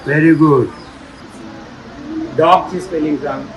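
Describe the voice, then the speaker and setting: A man playfully quizzing schoolchildren, coaxing and teasing them and urging them to speak louder. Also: on the high side, steady tone, takes it slowly, a crowd in the background, rough recording. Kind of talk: playful classroom questioning.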